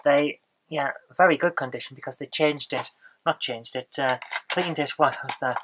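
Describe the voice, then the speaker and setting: A tired vlogger talks in a mid-pitched voice. The delivery is casual and rambling, often searching for the next word, with low energy throughout. Noise sits behind the voice on the recording. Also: moderate pace. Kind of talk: casual vlog chat.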